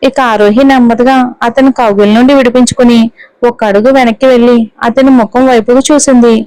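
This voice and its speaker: A woman narrating a romantic story in a steady storytelling manner, reading all the characters in her own voice. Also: fairly high pitch, fairly quick, clean tone, no room sound, low-quality recording.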